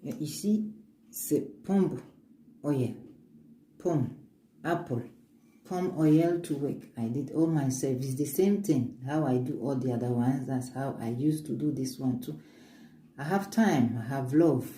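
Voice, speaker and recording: This woman has a bass voice with a dark tone and takes her time as she presents her homemade oils in an easygoing show-and-tell vlog. A native speaker of an African language, she moves between English and French, staying earnest and upbeat, mentioning faith, and frequently starting over. Faint ambient noise can be heard in the echoey room.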